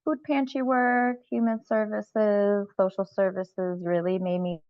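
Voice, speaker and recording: A woman's voice: mid-range voice, flat delivery, measured pace, smooth, dry recording. Hesitant woman on a tinny call. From Central Florida, USA. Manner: friendly, hesitant, with fillers. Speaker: farm worker. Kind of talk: personal introduction in an online support circle. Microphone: video call. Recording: tinny phone-like video call audio.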